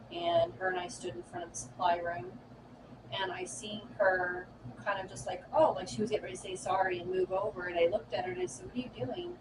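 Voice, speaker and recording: A woman tells a story in a loose, hesitant way that keeps circling back on itself. Her voice comes from some distance away, with loud background noise. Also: fairly low pitch. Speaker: parent of a local family. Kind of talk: casual conversation.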